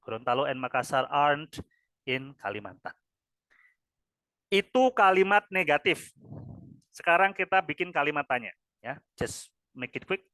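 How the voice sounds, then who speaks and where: A man's voice: fairly high pitch, expressive, normal speed, long pauses, sharp tone, dry recording. A man with an Indonesian accent teaching English grammar to a class, ending nearly every phrase with "ya" and drilling answers. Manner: repeats "ya" after each phrase, drills answers with students.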